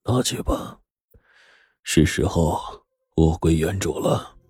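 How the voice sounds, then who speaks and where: A man voicing old and middle-aged men in a told story, slow and heavy with emotion. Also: sits low, little pitch movement, no room sound, clean studio sound, full character voice. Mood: weary, tender. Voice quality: husky, breathy.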